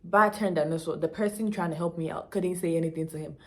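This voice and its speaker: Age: young adult. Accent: Ghanaian. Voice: a woman with a fairly low pitch. Style: animated storytelling vlog, emphatic and blunt. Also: fast. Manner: emphatic, animated storytelling with local slang mixed in. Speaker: vlogger. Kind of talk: casual storytelling to camera.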